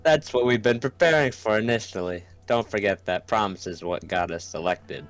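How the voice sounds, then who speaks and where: Over background music, a man voices an earnest reformist politician in a political game's scripted voice-over. His fairly low voice moves at normal speed, lightly acted, and he states his points declaratively with earnest resolve.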